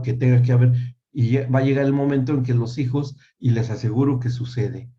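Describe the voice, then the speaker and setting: A man's voice: mid-range voice, dark tone. An older man giving a church teaching talk on family, repeating key words for emphasis and checking that listeners agree. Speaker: family ministry speaker. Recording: dull lo-fi sound.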